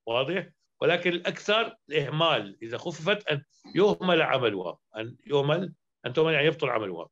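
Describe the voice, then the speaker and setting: A man's voice: a little high, very animated, fast, fairly bright tone. A man teaching Arabic grammar in a lecture, explaining points step by step, repeating examples and often checking that listeners follow. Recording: dull lo-fi sound.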